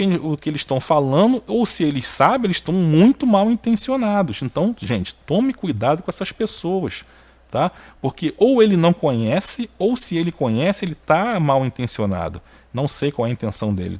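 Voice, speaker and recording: Emphatic man teaching Hebrew. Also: darkish tone. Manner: emphatic, repeatedly checks with "tá?"; pitch rises sharply when stressing a point. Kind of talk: video lesson explanation.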